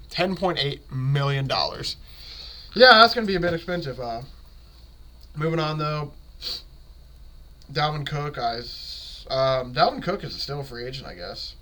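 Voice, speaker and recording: A man's voice: on the high side, bright, forceful tone. A man hosting a casual solo sports podcast while sick, sounding stuffed up with a blocked nose and phlegmy throat, in a rambling, slangy way.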